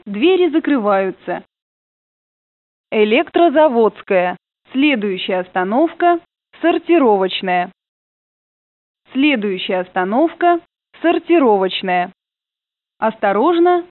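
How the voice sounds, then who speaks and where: A woman announcing train stops over the train intercom in a formal, measured manner. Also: on the high side, dry recording. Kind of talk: recorded stop announcements. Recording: tinny, narrow intercom loudspeaker sound.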